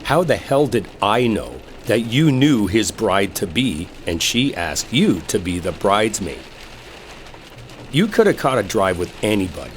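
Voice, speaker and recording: With a lowish, very animated voice and a slightly slow pace, a man performs an enemies-to-lovers roleplay as a bitterly exasperated male coworker. The character argues as he drives, sarcastic, irritated and swearing. The rain of a storm and car noise can be heard throughout.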